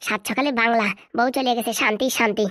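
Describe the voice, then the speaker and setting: Cartoon man, tipsy and boastful, slurring and gleeful, lower than her usual voice, quick, dry close sound, as a woman puts him on. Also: steady tone, fairly bright tone, no room sound, natural voice. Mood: contented. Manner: slurring, gleeful, smacking drink noises. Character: tipsy, boastful man, newly rid of his wife. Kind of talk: comic cartoon voice acting.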